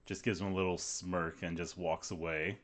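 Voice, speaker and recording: A man narrating a tabletop game as game master, steady and descriptive, in a room shared with the players on one mic. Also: low-pitched, normal speed.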